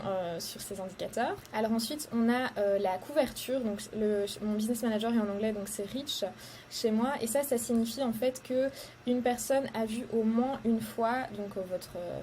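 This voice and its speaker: Young Belgian woman, casual tutorial host, slightly high pitch, hesitant with fillers. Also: dark tone, slight background noise. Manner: hesitant, many fillers, explains step by step. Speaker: social media ads coach. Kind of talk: casual tutorial talk to camera.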